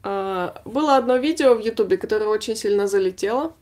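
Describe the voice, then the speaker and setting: A woman's voice: medium pitch, animated, fairly quick, a little mellow. A woman in her twenties co-hosting a vlog, chatting casually and reading out comments with informal, wry humour. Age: 20s. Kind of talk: casual chat. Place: small indoor room packed with gear.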